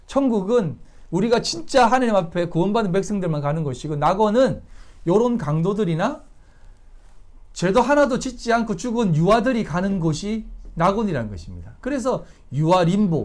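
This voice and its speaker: A man's voice: sits high, darkish tone. A man preaching a Sunday sermon as pastor, emphatic and putting rhetorical questions to the congregation. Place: church service.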